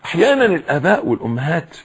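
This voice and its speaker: A male preacher with an Egyptian Arabic accent lectures on raising children. His voice sits fairly high and sounds husky. His pitch leaps and falls freely as he acts out parents and children. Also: rapid-fire. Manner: animated, acts out quoted voices and repeats for emphasis.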